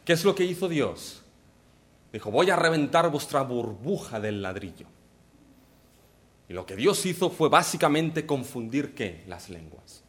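Animated male preacher, lively pitch. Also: a little slow, pauses often. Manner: animated preaching with asides and rhetorical questions. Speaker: pastor. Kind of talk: sermon.

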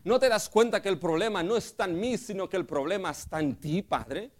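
A man's voice: sits high, a little fast, pitched above the performer's own voice, natural voice. A man voicing a young son who pleads with his father in a string of urgent, repeated questions. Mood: pleading.

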